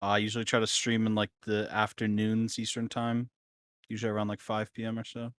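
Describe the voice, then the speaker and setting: A man's voice: fairly low pitch, monotone, fairly quick, a bit bright, smooth. A man who is a guest streamer, thinking aloud casually in a roundtable chat with many "like"s.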